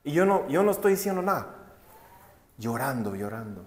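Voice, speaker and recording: A man's voice: mid-range voice, big pitch swings, moderate pace, darkish tone. A male pastor preaching a sermon, telling a story and often asking the congregation rhetorical questions. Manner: addresses listeners as brothers and sisters.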